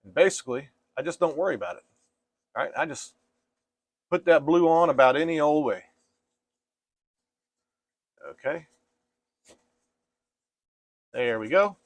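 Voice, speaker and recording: A man teaching painting step by step in a casual, gentle and reassuring way, like an easygoing instructor. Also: fairly high pitch, unhurried, long pauses, no room sound.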